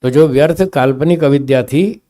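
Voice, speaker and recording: A man teaching a philosophy class, explaining meaning through slow spoken examples and often checking that his listeners follow. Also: fairly high pitch, warm tone. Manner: stresses single words to show meaning.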